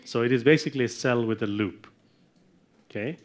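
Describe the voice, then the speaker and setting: A middle-aged man giving a technical lecture from slides, often checking in with "okay?" and clearing his throat. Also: mid-range voice, a little fast. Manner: explanatory, checks in with frequent "okay?". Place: darkened lecture room with projector screen.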